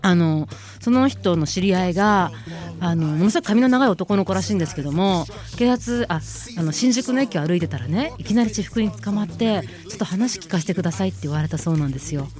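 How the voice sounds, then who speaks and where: A woman's voice: lowish voice, animated, brisk, a little mellow. A woman hosting a talk radio show, giving casual news commentary in sarcastic, outspoken rants. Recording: faint music underneath.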